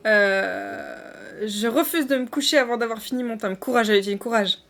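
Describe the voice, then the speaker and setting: A woman's voice: on the high side, moderate pace, vocal fry, fairly bright tone. A woman chatting casually on a live stream, talking to her viewers with lots of fillers and restarts.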